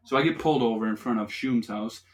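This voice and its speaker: A young man in a relaxed podcast chat tells a long, swearing-filled story with lots of laughter. His voice sits at an ordinary middle pitch, loose and informal. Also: quick pace. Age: young adult. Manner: profane, animated storyteller who laughs often. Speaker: podcast host.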